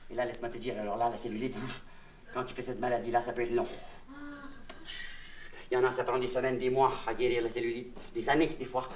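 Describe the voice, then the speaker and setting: Here the Québécois comedian's voice sits mid-range and close to everyday speech, delivered flatly and fast with long pauses. As a childlike, naive vagabond clown, he confides rambling tales to the listener, full of mangled words and puns, on a distant, echoey, noisy old LP recording.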